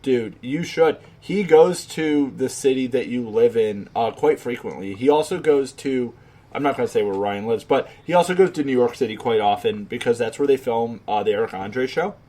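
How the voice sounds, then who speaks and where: A man's voice: medium pitch, moderate pace, warm tone. Rambling young man chatting casually. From Chicago. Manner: rambling, swears casually, many fillers. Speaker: podcast co-host. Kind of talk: casual chat.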